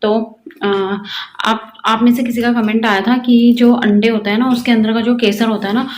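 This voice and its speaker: There's slight background noise as a young Garhwali vlogger from Uttarakhand's northern Indian hills chats in her home kitchen at a moderate pace. Her slightly high voice is flat, and her casual narration wanders, packed with fillers.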